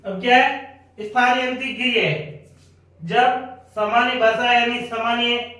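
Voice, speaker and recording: A Sanskrit teacher with a Rajasthani Hindi accent, slowly drilling students through word meanings with repeated rhetorical questions. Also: male voice, extremely high pitch, steady tone, sharp tone. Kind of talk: classroom grammar lesson. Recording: echoey room, voice from far off.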